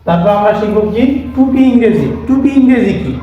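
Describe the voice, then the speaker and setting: A man leads a vocabulary lesson with a fairly high voice, spelling out words one letter at a time and quizzing himself as he goes. He sounds like he is in a very echoey room with a faint hiss behind him. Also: lively intonation, a little fast, muffled recording. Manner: spells words letter by letter, asks and answers his own questions. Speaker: English vocabulary teacher.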